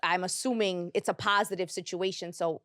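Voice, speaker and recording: A woman hosting a podcast, asking gentle questions in casual chat. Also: fairly low pitch, steady tone, moderate pace, dry recording, studio quality. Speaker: podcast host.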